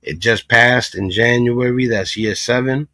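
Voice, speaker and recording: A man from Puerto Rico hosts a casual reaction livestream, speaking emphatically and slipping into frequent, repeated asides. His medium-pitched voice is a little slow with a sharp tone, and the recording is dry.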